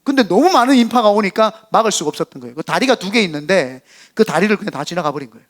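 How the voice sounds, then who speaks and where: A man with a rather high voice preaches a church sermon. He moves between a quiet, low delivery and sudden loud, rising calls to get up and try again. Now and then he acts out the mockers' scornful voices. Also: animated, racing. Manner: impassioned preaching, acting out quoted voices of mockers and encouragers. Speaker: senior pastor. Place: church sanctuary.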